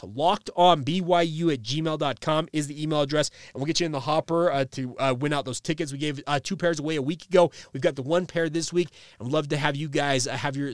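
A man's voice: a little high, no echo, studio quality. A man hosting a sports podcast, talking through his weekend picks in a casual, filler-heavy way, with a nasal voice. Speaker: podcast host. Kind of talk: sports betting picks talk.

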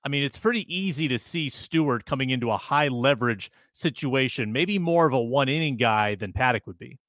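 A man's voice: medium pitch, expressive, a little fast, a bit bright, no echo, studio quality. A man hosting a sports podcast in a conversational way, in short casual phrases. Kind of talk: casual sports talk and conversational host-read ads.

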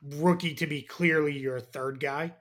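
A man's voice: fairly high pitch, steady tone, normal speed, fairly bright tone. A man with a Boston accent, talking through ideas as a podcast guest in casual chat, rambling and thinking aloud.

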